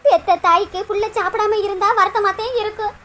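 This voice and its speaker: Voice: very high voice, fairly even intonation, fairly quick, bright, forceful tone, slight background noise. A performer voicing a fretful, nagging mother in a cartoon, pleading with her grown son.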